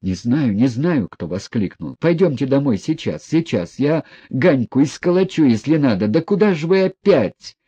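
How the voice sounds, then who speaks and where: A man's voice: medium pitch, big pitch swings, moderate pace, hardly any pauses, warm tone, slightly rough, dry recording, pitched above the performer's own voice. A man voicing an anxious, impatient teenage boy in an audiobook, urging and scolding in a raised, urgent voice. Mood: alarmed.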